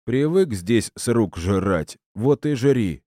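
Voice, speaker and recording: A man's voice: medium pitch, expressive, dry recording, studio quality, voice pushed up. A man doing a drunk, raging brute. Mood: rowdy, mocking. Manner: shouting, coarse, drawn-out words. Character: drunk, foul-mouthed, hot-tempered middle-aged man.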